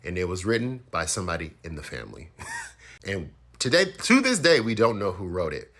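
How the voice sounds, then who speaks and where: Deep, bright-voiced male storyteller. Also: very animated, brisk. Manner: laughs while telling, acts out quotes. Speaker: storytime video host. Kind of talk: animated storytelling.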